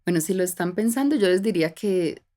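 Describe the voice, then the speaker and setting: Una mujer colombiana de unos treinta años, con acento de Bogotá, que conversa como invitada en una entrevista y cuenta sus vivencias con pausas y muletillas. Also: female voice, lowish voice, expressive. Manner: reflective, warm storytelling with frequent fillers and restarts. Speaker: guest. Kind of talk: casual conversational interview.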